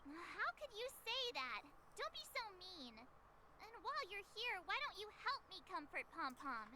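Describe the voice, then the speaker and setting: A woman voicing a cheerful, playful young girl companion in a game, who teases and reassures in a lively way. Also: very high voice, moderate pace, heavy background noise.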